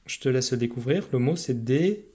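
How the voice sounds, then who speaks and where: A man's voice: medium pitch, animated, moderate pace, warm tone, husky. A man teaching a phonics lesson to a young child, patient and encouraging, speaking straight to the learner.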